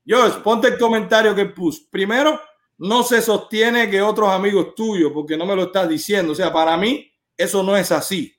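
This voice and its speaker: A man's voice: high-pitched, normal speed, a bit bright. A man hosting a live stream, arguing insistently and lecturing a caller point by point.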